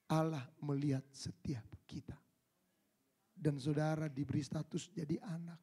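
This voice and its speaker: A man preaching a sermon to a church congregation, moving from quiet asides to shouted high points and addressing the listeners directly. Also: fairly even intonation, unhurried, slightly rough. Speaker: pastor. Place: church service.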